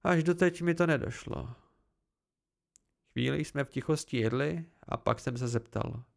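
A man reading an amateur audiobook aloud, telling the story in the first person at a calm, measured pace. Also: mid-range voice, gravelly. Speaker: audiobook reader.

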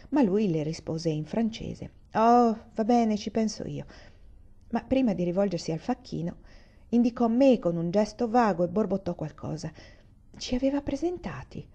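A woman reading a literary short story aloud in a measured, expressive way, with occasional restarts. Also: on the low side, breathy edge. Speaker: literary reader. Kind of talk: audiobook-style story reading. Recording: dull lo-fi recording.

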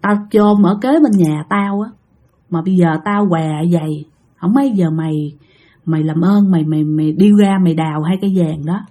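A woman's voice: a little fast, warm tone, natural voice. A woman voicing a troublemaking young man who begs a friend urgently. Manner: low, urgent, begging.

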